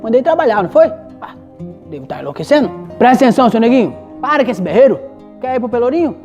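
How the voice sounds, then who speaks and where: Cruel bossy baron yelling at his worker, a woman putting him on, brazilian accent. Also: a little high, sing-song, fast, dull audio, faint music behind, voice pushed up. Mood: scolding. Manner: scolding, threatening. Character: harsh, cruel plantation baron, older man.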